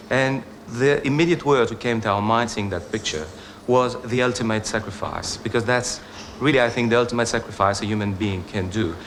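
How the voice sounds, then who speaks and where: A man recalling how a stage show began, in a reflective, slightly halting documentary interview. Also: medium pitch, a bit bright, slight background noise.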